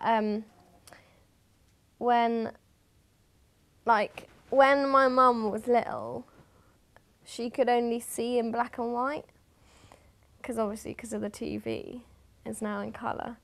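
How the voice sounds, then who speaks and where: A woman's voice: fairly high pitch, fairly even intonation, slow, pauses often. A woman from southwest England, telling an amused story about her childhood beliefs in an interview.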